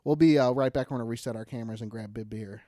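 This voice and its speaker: A man's voice: medium pitch, racing, mellow, dry recording, studio quality. A young man from the Chicago area with a Chicago accent, co-hosting a casual, profane, jokey podcast chat. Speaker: podcast co-host.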